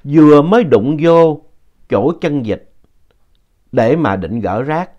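Guy telling a ghost story, chatty and unhurried, voice goes up and down a lot, kinda muffled lo-fi sound. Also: on the high side, expressive. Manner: unhurried, conversational retelling with explanatory asides. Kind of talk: narrated audio story. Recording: dull lo-fi audio.

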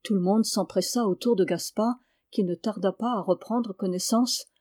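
Woman reading a novel, calm, dry studio sound. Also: medium pitch, normal speed, dry recording. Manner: calm, names each speaker before lines. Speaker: reader. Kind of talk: audiobook reading of a classic novel.

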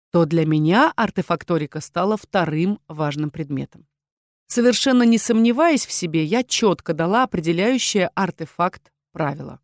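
A woman reading a first-person fantasy audiobook in an even, measured storytelling manner, on a close studio mic. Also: medium pitch, no room sound. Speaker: audiobook narrator.

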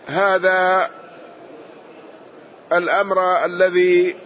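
A man's voice: sits high, flat delivery, drawn-out words, fairly bright tone. A man teaching a classical Islamic lesson, explaining a hadith commentary with short glosses and patient affirmations. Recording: dull lo-fi audio.

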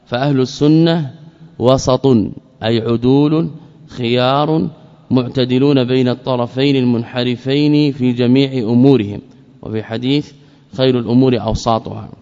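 A man teaching an Islamic creed text as a lesson, measured, often repeating key phrases and asking questions he then answers himself. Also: mid-range voice, darkish tone. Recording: dull lo-fi recording with long reverb.

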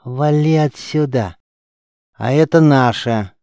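A man's voice: medium pitch, takes it slowly, mellow, clean tone, no echo, clean studio sound, pitched above the performer's own voice. A man voicing a cheeky small street boy who mocks and squabbles in slang, in an audiobook. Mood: mocking.

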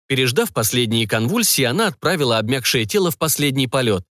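Man narrating a dark fantasy story. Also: medium pitch, lively intonation, fast talker, no echo, studio quality. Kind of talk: dramatic audiobook narration.

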